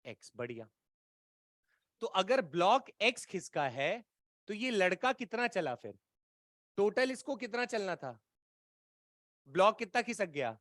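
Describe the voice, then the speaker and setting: A man's voice: high-pitched, sing-song, unhurried, long pauses, a bit bright, no room sound, clean studio sound. A man teaching an exam-prep physics lecture, coaxing and colloquial, often checking whether students follow. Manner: colloquial, playful teasing tone.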